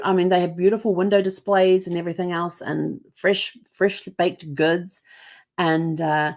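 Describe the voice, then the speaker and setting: Fairly low in pitch and a little mellow, with vocal fry, this middle-aged Kiwi host tells travel stories in a loose, chatty style. Her accent mixes New Zealand and American sounds, and she fills her talk with ums and restarts while putting on voices for the people in her tales.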